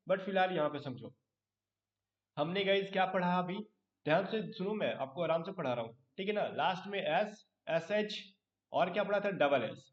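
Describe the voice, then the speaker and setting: A man teaching an online English grammar class, asking his students question after question and adding joking asides. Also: high voice. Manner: explains with repeated questions to students. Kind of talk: online live class lecture. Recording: roomy, distant, dull sound.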